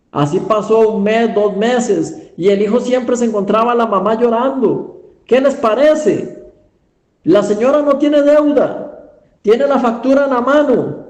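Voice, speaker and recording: Male pastor preaching, high voice, unhurried, emphatic rhetorical questions, echoey church. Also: a little mellow. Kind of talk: sermon storytelling.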